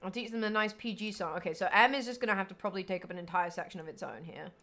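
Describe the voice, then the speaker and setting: A woman's voice: mid-range voice, very fast, a bit bright. A woman streaming a block-building game, chatting casually and thinking aloud, now and then bursting into delighted squeals. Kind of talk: casual live-stream chat while building.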